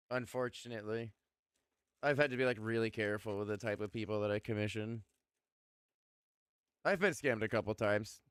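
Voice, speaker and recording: A man's voice: lowish voice, fairly bright tone, clean tone, no room sound, clean studio sound. A young man streaming, chatting casually and rambling with lots of fillers and the odd swear word.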